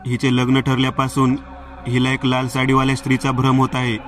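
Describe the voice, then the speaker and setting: A man reading the part of a worried mother soothing her grown daughter, calm and plain. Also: mid-range voice, brisk, faint music behind, natural voice.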